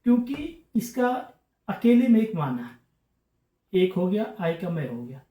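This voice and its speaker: A man gives a classroom-style lesson in a mellow, warm voice. He explains each point patiently, repeats key words and keeps checking in with his listeners. The sound bounces around an echoey room. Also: high voice, sing-song, a little slow. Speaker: English teacher.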